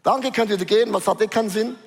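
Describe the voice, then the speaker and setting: A middle-aged man preaching a lively sermon, acting out inner voices and swinging between fast bursts and slow, stretched phrases. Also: high-pitched, vocal fry, slightly rough. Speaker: pastor. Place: large church hall. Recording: long hall reverb.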